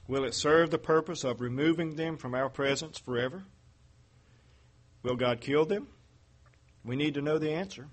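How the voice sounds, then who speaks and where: A man giving a Bible teaching sermon in a measured way, reading verses aloud and asking rhetorical questions. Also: mid-range voice, slightly rough. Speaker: preacher.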